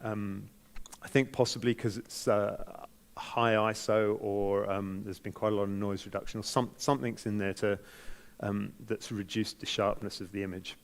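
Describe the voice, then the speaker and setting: Speaking as a competition judge, a man with a New Zealand accent gives spontaneous feedback, pausing carefully and easing the blow of his critiques. His voice is fairly low and his tone stays level.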